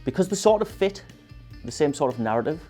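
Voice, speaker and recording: A man on a panel show, trading dry, sardonic opinions. His voice is dark and mellow. Soft music plays under him. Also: on the high side, very animated, fairly quick. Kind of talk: casual panel chat.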